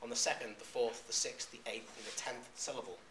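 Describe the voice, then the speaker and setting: A man giving a classroom lecture, talking in a halting way with frequent "um"s and restarts. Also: medium pitch, steady tone, noisy background. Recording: echoey room recording.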